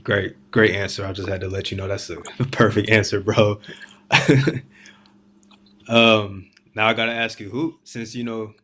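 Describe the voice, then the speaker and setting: Casting: male sports show host, lowish pitch, loose conversational interview style with slangy wording. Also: fairly even intonation, unhurried, pauses often, bright, forceful tone, slight background noise. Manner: informal slangy phrasing.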